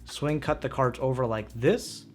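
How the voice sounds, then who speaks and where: A man's voice: medium pitch, measured pace, faint music behind. A man presenting a magic tutorial in casual, upbeat card magician patter, speaking straight to the viewer.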